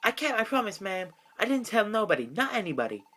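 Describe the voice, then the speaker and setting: A man doing an eager boy creature, higher voice. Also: sing-song, quick pace, pushed and bright, full character voice. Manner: earnest, boastful.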